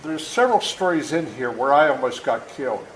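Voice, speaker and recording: In an echoey room with faint background noise, a seventies-aged author storytells and reads to schoolchildren. His voice sits a little high and is expressive and brisk.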